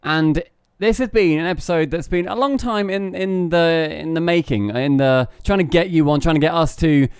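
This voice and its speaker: Smooth-voiced man teasing on a podcast. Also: fairly high pitch, normal speed, hardly any pauses, no echo, clean studio sound. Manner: joking, teasing banter. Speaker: podcast host. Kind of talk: casual podcast chat.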